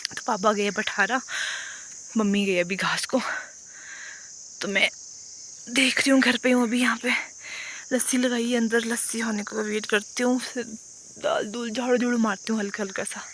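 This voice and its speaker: A woman's voice: on the high side, steady tone, normal speed, long pauses, fairly bright tone, a little hiss or hum. A young woman chatting casually in a rambling vlog, speaking outdoors around a rural home and fields into a handheld phone. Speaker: vlogger.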